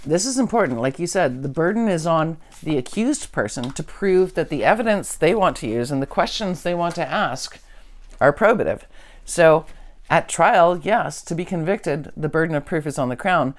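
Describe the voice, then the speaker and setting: A woman's voice: deep voice, expressive, moderate pace. A woman legal researcher in a casual discussion, talking emphatically and slipping into mock voices when she quotes others.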